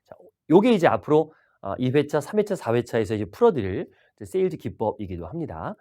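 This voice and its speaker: Lively fast-talking male sales trainer. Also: medium pitch. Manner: animated, asks the audience questions. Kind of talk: video lecture.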